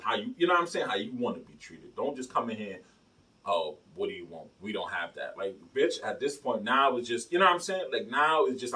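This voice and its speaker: A low-pitched man with a sharp, bright tone and a lively, swinging delivery. He talks bluntly and swears freely. He sits back from the mic. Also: distant mic, poor audio. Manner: blunt, profane, asks pointed questions. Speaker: podcast co-host. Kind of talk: casual chat.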